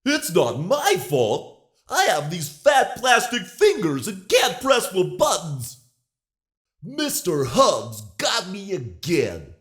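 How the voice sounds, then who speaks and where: A man's voice: high voice, wildly swooping pitch, takes it slowly, a bit bright, full character voice. A man voicing a petulant toy animatronic in a video game, whining like a sore loser. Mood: indignant. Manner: whining complaints. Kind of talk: video game character acting.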